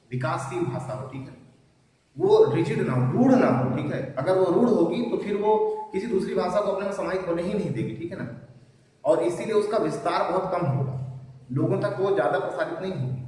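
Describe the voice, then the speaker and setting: High-pitched Hindi teacher in an echoey room. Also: male voice, a little mellow. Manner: explains with examples and frequent "theek hai" checks. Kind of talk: online class lecture. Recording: echoey room, voice far from the mic.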